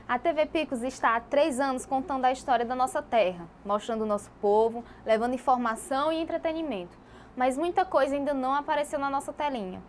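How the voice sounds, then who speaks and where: Female promo voice, high pitch, chatty direct address, faint hiss. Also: fast. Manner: friendly direct address to viewers. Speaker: station promo announcer. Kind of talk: TV station promo.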